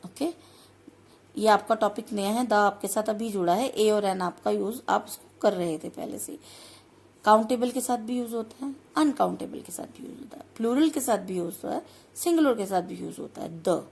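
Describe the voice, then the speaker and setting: A woman teaching grammar, explaining step by step and slowing down carefully whenever she reads phrases. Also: medium pitch, creaky, a little mellow, slightly rough. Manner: explains step by step, slows down sharply for English phrases. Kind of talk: classroom-style lesson.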